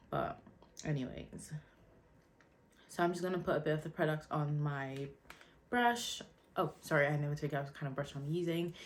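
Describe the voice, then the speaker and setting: A young woman chatting casually through a makeup tutorial, relaxed and loose, with lots of fillers. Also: low voice. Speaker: beauty vlogger.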